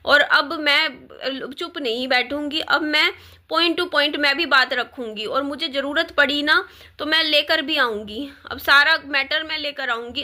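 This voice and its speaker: In this distressed direct-to-camera rant, a young woman complains about being insulted, defiant yet pleading and repeating herself. Her voice is high, pushed, and bright.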